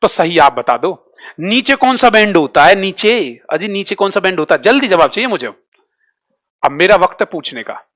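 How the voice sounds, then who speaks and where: Guy teaching online, keeps asking the same question over n over, bit high voice. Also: big pitch swings, fairly bright tone. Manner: drills students with repeated quick questions; switches between Hindi and English terms. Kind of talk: live online class quiz.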